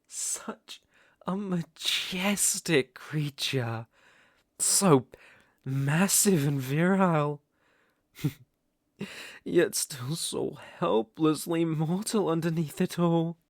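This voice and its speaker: A man's voice: on the high side, drawn-out words, pauses often, no room sound, studio quality. A British man playing a seductive, domineering vampire lord in an intimate ASMR roleplay, with teasing, ornate, condescending speech. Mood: proud, mocking.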